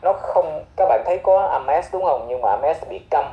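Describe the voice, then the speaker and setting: A man's voice: fairly high pitch, lively intonation, echoey room, dull audio. Patient man explaining phrases, repeating them. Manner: repeats key words slowly and often. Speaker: English teacher. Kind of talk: explaining English phrases in Vietnamese.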